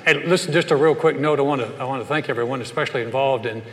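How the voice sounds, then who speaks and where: A man's voice: mid-range voice, very fast, fairly bright tone. Man preaching with hall reverb. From Southern US, raised in North Carolina. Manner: humorous, anecdotal storytelling with frequent restarts. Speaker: pastor. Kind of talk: sermon. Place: church sanctuary, live service. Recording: long church hall reverb.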